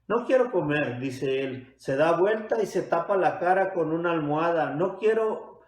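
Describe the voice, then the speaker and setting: A man voicing an angry king who talks slowly and grimly. The voice sits a little high, and it echoes around a large room. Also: expressive, lightly acted. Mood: sulking. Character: proud angry male king.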